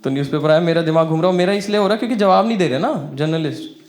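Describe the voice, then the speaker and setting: A young man doing stand-up comedy, telling a story and acting out the dialogue with big swings in pitch and loudness. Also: animated, racing. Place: comedy stage before an audience.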